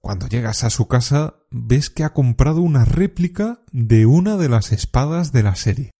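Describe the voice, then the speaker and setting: A man from teaching expressions in a calm, measured scripted lesson, now and then acting out short example phrases. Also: medium pitch, husky. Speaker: Spanish teacher.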